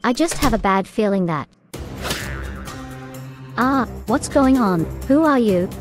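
A woman's voice: mid-range voice, expressive, moderate pace, music in the background, close to an everyday voice. A woman voicing an anxious, earnest rabbit toy in a cartoon drama. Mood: worried.

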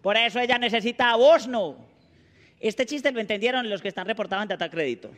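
High-voiced Paisa comic, bright and animated. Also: male voice, fast talker, in a large hall. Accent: Colombian Paisa. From Colombia. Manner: animated, mugging, banters with the audience. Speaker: stand-up comedian. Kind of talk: stand-up comedy monologue. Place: TV studio stage before a live audience.

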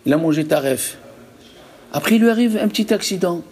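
A rabbi teaching a religious lesson to a live group, emphatic and full of rhetorical questions. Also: male voice, high-pitched, expressive, fairly quick, darkish tone, slight background noise.

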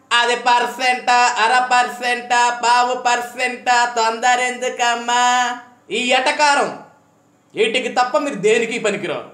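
High-voiced man delivering a taunting rebuttal. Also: fairly bright tone, reverberant. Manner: mocking, taunting, repeats jeering phrases slowly. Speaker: party supporter answering a politician. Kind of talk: angry political rebuttal monologue.

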